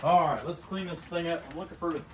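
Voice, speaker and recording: A man's voice: a little high, quick pace, a bit bright, slight background noise. A man who carves with a chainsaw chats casually and jokingly while he works, rambling and greeting viewers by name. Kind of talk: casual live-stream chat while working.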